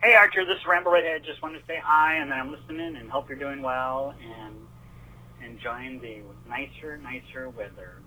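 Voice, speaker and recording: Brief: man caller on a played-back phone voicemail, chatty and upbeat, very bright tone. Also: mid-range voice, moderate pace, rough recording. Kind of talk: casual friendly voicemail greeting.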